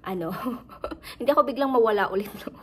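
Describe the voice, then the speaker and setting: Filipina vlogger, casual and chatty, mid-high voice, laughs easily. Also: female voice, fast, fairly bright tone, a little hiss or hum. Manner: chatty, laughs often, mixes English into Tagalog. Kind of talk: casual vlog chat.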